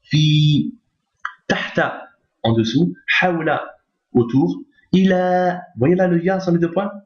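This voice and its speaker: A man's voice: fairly high pitch, steady tone, slow pace. Man teaching patiently in a roomy lo-fi recording. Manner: patient, repeats each point, checks with "d'accord?". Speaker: Arabic reading teacher. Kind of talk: recorded lesson explaining on screen.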